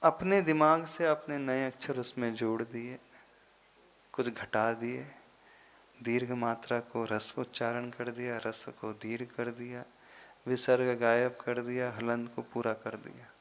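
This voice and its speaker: A man, a monk, giving a sermon in a slow, deliberate teaching manner, pausing often and rising into sudden emphasis. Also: medium pitch, little pitch movement. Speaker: Jain monk giving a discourse.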